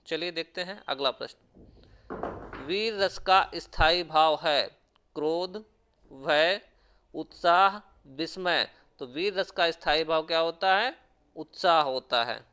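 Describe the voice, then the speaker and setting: A man's voice: on the high side, sharp tone, clear, resonant tone. A man teaching an exam-prep lesson, reading out quiz questions and their options, then explaining the answers.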